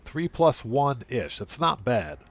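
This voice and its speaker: Taking things slowly, a medium-pitched, expressive man runs a casual gaming livestream, greeting his chat, musing aloud and repeating phrases as he talks to viewers. Music plays in the background.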